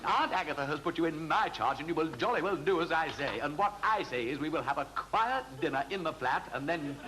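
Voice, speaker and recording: An actor playing an amiable, dithering young gentleman with an upper-class English accent, exclaiming in period slang in a comedy. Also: on the high side, animated, a little fast, noisy background, lightly acted. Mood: flustered, indignant.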